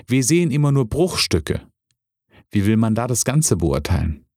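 A man voicing a calm, wise old farmer who speaks in a measured, unhurried way. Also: medium pitch, no echo, clean studio sound. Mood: patiently firm.

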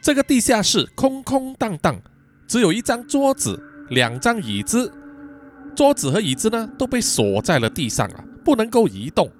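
Lively man telling a dark story. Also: sits high, soft background music. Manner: lively, dramatic storytelling with drawn-out particles. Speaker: storyteller host. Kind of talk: podcast story narration.

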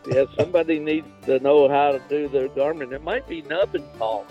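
A man's voice: on the high side, brisk, highs cut off, soft background music. An older man hosts a casual outdoors podcast in a folksy, plain-spoken way. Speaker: podcast host.

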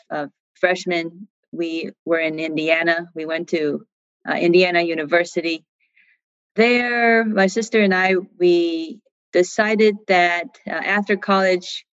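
A middle-aged woman from Taiwan talks as a sleep physician guest on a podcast. Her voice sits low and she thinks aloud, with plenty of fillers and restarts. The sound is dull and dry, with no room around it. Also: dry recording. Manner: thoughtful, with frequent fillers and restarts. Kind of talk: podcast interview.

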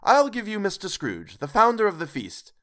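A meek, kindly clerk father, as a male narrator puts him on, gentle and soft-spoken in a storybook reading. His voice lifts warmly when he toasts. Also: on the high side, huge pitch swings, moderate pace, voice pushed up. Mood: proud.

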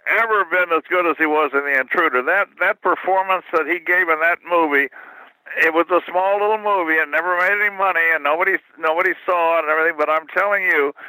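A man's voice: on the high side, bright, forceful tone, no room sound, poor audio. An older man from Missouri, a writer being interviewed, telling rambling stories and repeating words as he goes. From Missouri, USA. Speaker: guest writer. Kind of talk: anecdotal interview storytelling.

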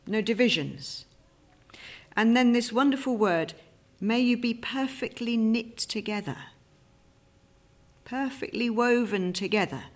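A woman giving an earnest, emphatic sermon that explains a Bible passage. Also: on the high side. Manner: earnest, emphatic expository preaching. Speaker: preacher.

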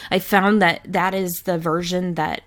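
A woman's voice: fairly low pitch, steady tone, unhurried. A woman author answering interview questions in an earnest manner. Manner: earnest, fluent with some restarts. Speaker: author guest.

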